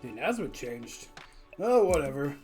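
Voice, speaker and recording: A woman's voice: sits low, big pitch swings, normal speed, dark tone, soft background music. A woman hosting a video game playthrough, mixing casual commentary with reading the story aloud.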